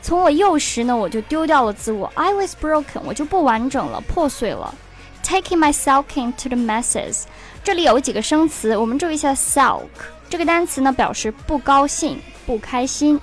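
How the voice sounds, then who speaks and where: A woman presenting an English lesson built on song lyrics, reading the English lines slowly and explaining them in Chinese. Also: high-pitched, lively intonation. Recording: faint music underneath.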